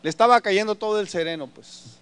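Male pastor, animated storyteller, high and resonant, preaching to the brethren. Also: brisk, smooth. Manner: animated storyteller addressing the congregation as brothers. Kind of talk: sermon.

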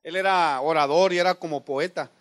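Male pastor, high voice, earnest chatty sermon delivery. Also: a little fast. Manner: earnest, addresses listeners as brothers, rhetorical questions. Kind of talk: conversational sermon.

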